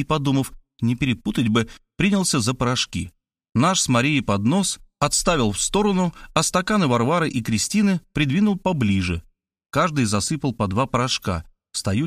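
A man narrating a first-person audiobook, animated and expressive, dropping lower for his own character. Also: no room sound, studio quality.

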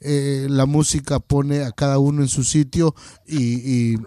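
A man hosting a radio interview, encouraging and halting with many fillers. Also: mid-range voice, fairly even intonation, dark tone, dry recording, clean studio sound. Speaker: radio show host. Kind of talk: casual interview chat.

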